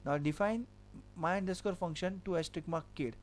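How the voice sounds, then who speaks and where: In a screen-recorded coding lesson, a man with a high-pitched, fairly quick voice walks through code step by step. He repeats each point, dropping in the filler "okay".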